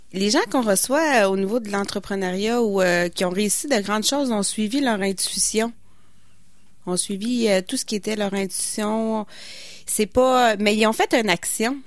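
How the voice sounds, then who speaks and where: A woman's voice: mid-range voice, dry recording. A woman co-hosting a podcast, talking thoughtfully with many fillers. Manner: thoughtful, hesitant, with many fillers and quick laughs. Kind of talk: casual chat.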